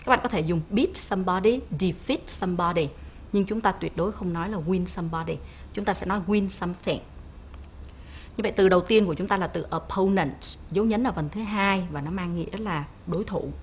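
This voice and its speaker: A woman with a Vietnamese accent, teaching English vocabulary on an educational TV lesson, saying English words slowly and clearly and explaining them more quickly. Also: mid-range voice, a little hiss or hum. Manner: slow clear English drills, quicker asides. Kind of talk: bilingual classroom lesson on TV.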